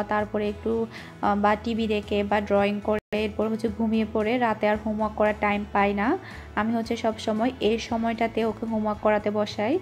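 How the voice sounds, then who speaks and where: A woman's voice: on the high side, darkish tone. A woman vlogger from Bangladesh chatting casually while she cooks in her home kitchen, in a homely, rambling way. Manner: chatty, homely, with frequent fillers. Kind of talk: casual cooking vlog narration.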